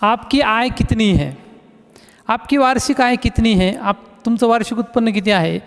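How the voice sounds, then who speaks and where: A man's voice: extremely high pitch, normal speed. A male teacher, giving a recorded class lesson and patiently repeating words as he explains them. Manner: patient, repeats words and keeps saying "look". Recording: echoey room reverb.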